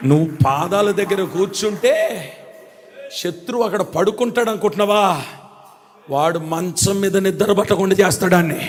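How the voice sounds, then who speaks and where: A man preaching a Pentecostal sermon to a church congregation, repeating phrases and calling for responses, swinging between shouts and quiet, low passages. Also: fairly quick, long reverb tail, a little hiss or hum. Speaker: pastor. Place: church service.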